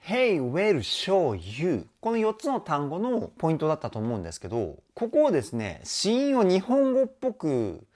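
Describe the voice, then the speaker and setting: A man's voice: high voice, wildly swooping pitch, a little fast, few pauses, darkish tone. A man working as a vocal trainer, reacting to a music video and breaking down the singing in an enthusiastic, chatty way. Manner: enthusiastic, chatty, often adds ね; sings short snippets to demonstrate.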